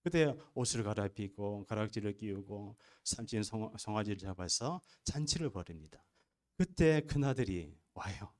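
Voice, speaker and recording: A man's voice: on the low side, lively intonation, moderate pace, darkish tone. A male pastor preaching a sermon in a church, emphatic, with rising bursts and rhetorical questions. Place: church sanctuary.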